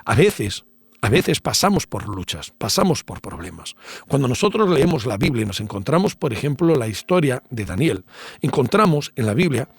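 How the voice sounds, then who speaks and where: A man's voice: medium pitch, very animated, normal speed, gravelly, husky, dry recording. A man preaching a devotional sermon, driving his points home with emphatic repeated lists. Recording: dry voice over soft background music.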